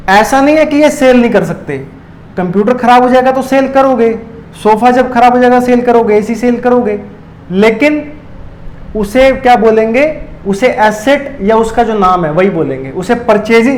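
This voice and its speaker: ऊँची आवाज़ वाला पुरुष शिक्षक, सवाल पूछकर खुद जवाब देता. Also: male voice, extremely high pitch, normal speed, a little hiss or hum, rough recording. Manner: asks questions and answers them himself. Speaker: commerce teacher. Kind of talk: classroom lecture.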